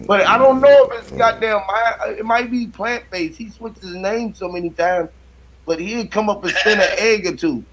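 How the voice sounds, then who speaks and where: A middle-aged man hosts a late-night live stream with a fairly high voice. He rambles through loose, profane stories and laughs often. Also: moderate pace, a bit bright. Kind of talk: late-night casual chat.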